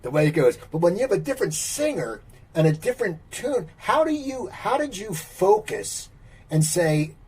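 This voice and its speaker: A man hosting an interview asks long questions, stumbling on his first words. His voice is husky and lively, rising and falling a lot. He sounds set back from the microphone. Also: sits high, distant mic. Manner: halting, repeats words when starting questions. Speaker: interview host.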